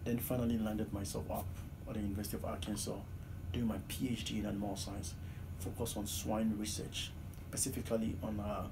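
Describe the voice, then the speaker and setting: A Ghanaian PhD student in his thirties, with a Ghanaian accent, sits in a desk chair in a small office and earnestly answers interview questions with many "uh" fillers. His lowish voice is flat, a little fast, and has vocal fry. A distant, low-angle camera mic captures the noisy room.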